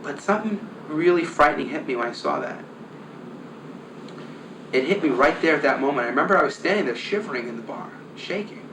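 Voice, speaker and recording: A man's voice: on the high side, lively intonation, a little fast. A man recalling his past in a reflective documentary interview, sometimes dropping almost to a whisper. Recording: roomy, distant mic with background noise.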